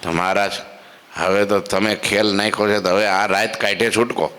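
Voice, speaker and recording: Male devotional storyteller, bright and animated, acts out the characters, long hall reverb. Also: lowish voice, moderate pace. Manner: lively storyteller who acts out characters and asks rhetorical questions.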